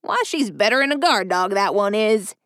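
A woman's voice: mid-range voice, lively intonation, normal speed, a bit bright, no room sound, close to an everyday voice. A rambling, folksy old railroad station master, cheerful and talkative, as a woman narrator puts him on. He chatters on in a dry, close voice from a storybook reading. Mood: gossipy.

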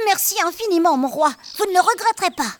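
A woman's voice: extremely high pitch, lively intonation, quick pace. A woman voicing a tiny, timid male rat who pleads politely. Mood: grateful. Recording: noisy recording.

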